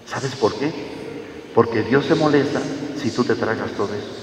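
A man's voice: medium pitch, moderate pace, a little hiss or hum. A man giving an earnest Lenten talk, calling his listeners his children. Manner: earnest, addresses listeners as children, acts out dialogues. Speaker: parish preacher. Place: church or parish hall. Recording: echoey hall, voice from far off.

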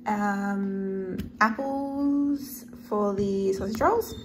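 Slight background noise accompanies an Australian vlogger's casual grocery haul chat. Her mid-range voice has a darkish tone and moves very slowly, and she often leaves thoughts hanging in this unscripted talk to camera.

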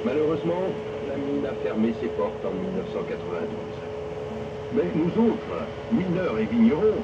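A man playing a proud older miner and winemaker guiding visitors, telling the story with lively, swooping intonation. He is heard through a dull loudspeaker from some distance away, with loud engine noise all around. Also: mid-range voice, lightly acted. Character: older male former miner and winemaker, proud local guide. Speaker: audio guide narrator. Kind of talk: scripted narration. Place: open tourist train outdoors. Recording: muffled loudspeaker on a moving tourist train, heard from afar with loud engine noise. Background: vehicle engine and outdoor ambience.

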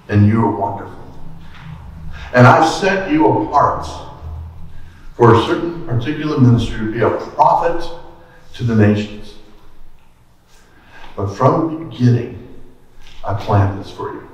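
A middle-aged man, a pastor, preaching an earnest, measured sermon in a small church, holding a handheld mic. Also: medium pitch. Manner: earnest, measured teaching with occasional restarts. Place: small church sanctuary, indoors. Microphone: handheld mic, filmed from the back of the room. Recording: echoey church from far off.

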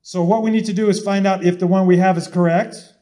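A man's voice: high-pitched, fairly even intonation, a little fast, dark tone. A man delivering an impassioned, sermon-style talk, urging listeners with urgent repetition. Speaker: online preacher.

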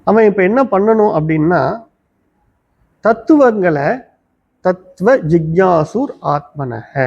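A man with a Tamil accent giving a Vedanta discourse in an ashram, explaining step by step and slowly chanting Sanskrit verses. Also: sits high, darkish tone, dull audio. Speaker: Vedanta teacher. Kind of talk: spiritual discourse. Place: ashram teaching hall.

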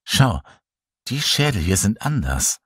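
Brief: a man reading an earnest woman scientist in an audiobook horror story, calm and explanatory, low husky tone. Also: slow, no room sound, studio quality, exaggerated voice. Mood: earnest, puzzled. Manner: thoughtful, explaining calmly.

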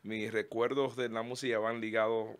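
A man's voice: on the low side, flat delivery, normal speed, smooth. A middle-aged man from Cuba with a Cuban Spanish accent, a guest pastor and singer telling his story in a casual interview, rambling with restarts. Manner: rambling, frequent restarts, laughs warmly.

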